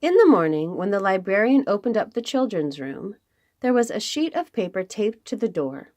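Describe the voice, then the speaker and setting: A woman reading aloud to young children as a storytime host, expressive, with dramatic emphasis and pauses. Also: mid-range voice.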